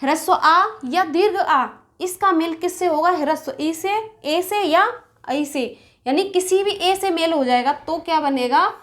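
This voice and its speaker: Woman teacher with a high voice, explaining grammar step by step and answering her own questions. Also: a bit bright. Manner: asks questions then answers them herself; slows down to spell out sounds and examples. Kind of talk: Hindi grammar lesson at a board.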